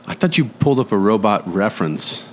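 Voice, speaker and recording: A man's voice: lowish voice, very animated, a little fast, slight background noise. A man co-hosting a podcast from a recording studio, bantering casually, joking about himself and laughing often. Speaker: podcast co-host. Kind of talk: casual chat.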